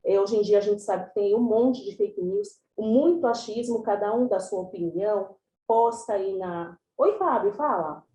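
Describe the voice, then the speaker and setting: A woman's voice: medium pitch, unhurried, few pauses, warm tone, reverberant, a little hiss or hum, rough recording. A woman, giving an online class presentation over a video call in a chatty, explanatory way. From São Paulo, Brazil. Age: 30s.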